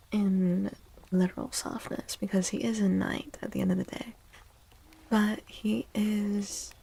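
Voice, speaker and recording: Speaking softly and without hurry, this woman streamer reads tarot in ASMR style at a medium pitch. She often lets her voice fall into a breathy whisper, leaving pauses between phrases.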